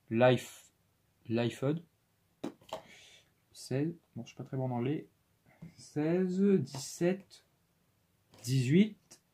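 A man talks through an unboxing at an unhurried pace, stopping often to think aloud as he counts. His voice has a slightly husky edge and sits at an ordinary middle pitch. The style is a relaxed, casual video chat. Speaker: toy-unboxing YouTuber.

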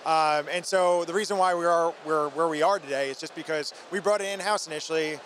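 With faint convention hall sound in the background, a thirty-something company founder gives a lively, informal interview at a crowded indoor trade show booth, holding a handheld mic. He speaks a little fast, his slightly high voice steady in tone and fairly bright.

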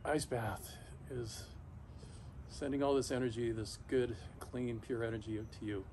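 A middle-aged man talking casually and haltingly to camera outdoors, shivering in ice-cold water, pausing often mid-thought. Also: medium pitch, steady tone, dark tone. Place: backyard, outdoors, in an ice bath. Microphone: camera a few metres away. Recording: noisy outdoor recording, ambient hum.

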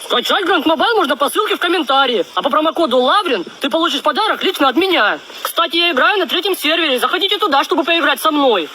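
A man's voice: very high-pitched, animated, fast talker, few pauses, sharp tone, slight background noise, heavily acted, rough recording. A man voicing a cheeky, dim-witted young male recruit in a comedy skit, with silly, childish delivery. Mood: upbeat. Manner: silly, childish back-talk.

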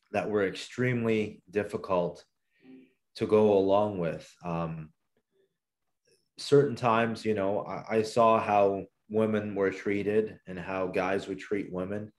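A man with a low, deep voice, from southern Ontario in Canada, gives his personal testimony as a guest on a podcast. He tells his story in an earnest, reflective way. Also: steady tone, slow.

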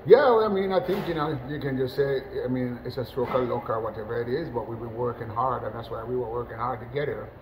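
A middle-aged man from Jamaica, a national team football coach, talking in a relaxed post-match interview over a webcam, full of "you know" fillers and restarts. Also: mid-range voice, quick pace, few pauses, slight background noise, rough recording. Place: indoors, in front of a sponsor backdrop.

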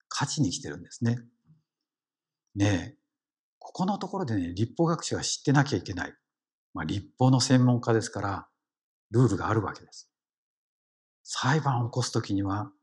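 This lay preacher has a husky, mid-range voice and a Kansai accent. His sermon is conversational and engaging: he poses questions to the congregation and sprinkles his speech with "ne."

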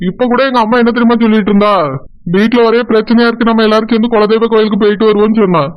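A man voicing a gentle, reassuring young village husband with a Tirunelveli Tamil accent in a cartoon. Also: sits high, flat delivery, very fast, close to an everyday voice. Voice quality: soothing, reassuring. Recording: dull lo-fi sound.

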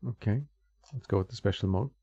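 A man with a fairly low, mellow voice talks fairly quickly, with no room sound. Hosting his gaming channel, he plays an old fighting game at home, chatting and laughing at the screen while game music plays behind a dry, slightly dull recording.

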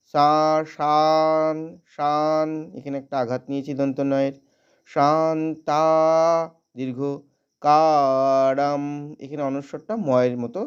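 A man teaching how to pronounce a Sanskrit prayer, chanting verses slowly and breaking each word down syllable by syllable. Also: medium pitch, a little mellow, smooth, highs cut off. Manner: slow drawn-out chanting of verses, brisker spoken explanations. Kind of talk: chanting a prayer, then explaining pronunciation.

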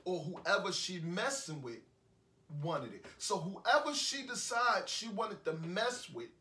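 A man's voice: high voice, animated, slow, sharp tone, heavily acted. An actor with a New York accent playing a heartbroken young man who rambles bitterly and repeats himself in an indie film monologue. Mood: heated. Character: heartbroken young man ranting after breakup. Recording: echoey room, voice from a distance.

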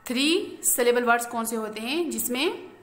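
Echoey woman teaching grammar slowly. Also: on the high side, lively intonation, fairly bright tone, soft background music. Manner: slow, explanatory, asks and answers own questions. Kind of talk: recorded grammar lesson. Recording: echoey room.

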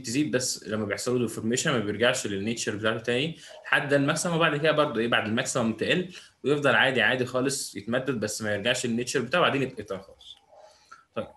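A man's voice: medium pitch, bright, forceful tone, a little hiss or hum. A young man with an Egyptian Arabic accent giving a physics lesson, often asking a question and answering it himself. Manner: asks rhetorical questions and answers them himself. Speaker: physics teacher. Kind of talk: classroom lecture.

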